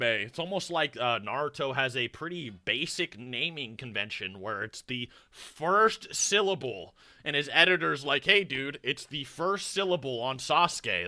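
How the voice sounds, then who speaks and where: A man streaming a casual reaction, loud and teasing, rambling with lots of fillers. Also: medium pitch. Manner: loud, teasing, swings between shouting and mumbling; rambling explanations with many fillers.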